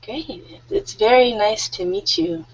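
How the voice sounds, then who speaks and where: A woman's voice: high-pitched, lively intonation, slow pace, creaky, slightly rough. A woman in her thirties teaching an online English group class, friendly and a little nervous, laughing often. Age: 30s. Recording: muffled lo-fi audio.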